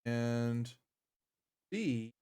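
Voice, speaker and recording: A man's voice: medium pitch, lively intonation, mellow, clean tone. A man running a tabletop game as game master on an online call, narrating off the cuff in casual, piecemeal phrases. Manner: halting, piecemeal delivery. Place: online group video call.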